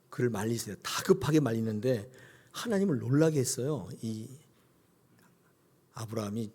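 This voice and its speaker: A middle-aged male pastor preaching a sermon and acting out scenes with sudden high cries. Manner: animated, acts out God's voice with sudden high cries.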